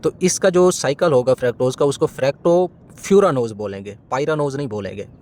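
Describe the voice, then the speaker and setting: A man's voice: medium pitch, a little fast, darkish tone, slight background noise. A man lecturing on chemistry, walking through a diagram, asking his students questions and answering them himself, often stopping to correct his own slips. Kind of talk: classroom lecture explaining a diagram.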